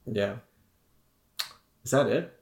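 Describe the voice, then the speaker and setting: A man's voice: medium pitch, lively intonation, takes it slowly, vocal fry, a little mellow. A man co-hosting a podcast in casual chat, rambling and joking, often trailing off mid-thought. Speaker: podcast co-host.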